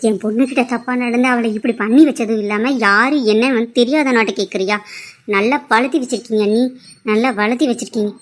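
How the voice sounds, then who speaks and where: A woman doing a fierce, high-voiced mother. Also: fairly quick, natural voice. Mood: angry. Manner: forceful, accusing. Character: middle-aged mother, fiercely defending her daughter.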